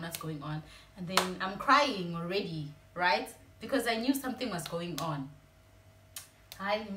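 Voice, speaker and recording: A woman's voice: on the low side, a bit bright. A young woman with a South African Zulu accent, telling a personal story in a confiding, emotional way as a vlogger. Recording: echoey room with faint ambient noise.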